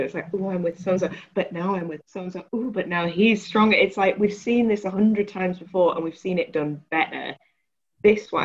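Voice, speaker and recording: A woman co-hosting a casual film review chat, talking in a wry, animated way. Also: fairly low pitch. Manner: wry, animated, mimics characters in quotes. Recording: dull lo-fi sound.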